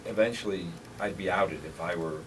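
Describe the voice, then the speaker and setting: A man's voice: sits low, fairly quick, crowd noise. A man being interviewed as a guest actor on the radio, chatting casually and telling stories with a joking, self-mocking manner. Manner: jokey, self-mocking storyteller. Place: radio studio. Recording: distant mic with steady background noise.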